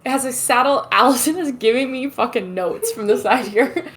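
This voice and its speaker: A woman's voice: a little high, normal speed, a bit bright, soft background music. A woman narrating as game master of a tabletop game, loose and profane, often laughing.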